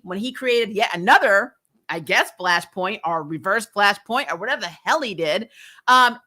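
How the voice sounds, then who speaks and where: The host of a TV show review channel, a woman with a slightly high, bright and forceful voice, gives a casual recap that turns into a rant. Her tone is blunt, sarcastic and exasperated, and a few swear words slip in.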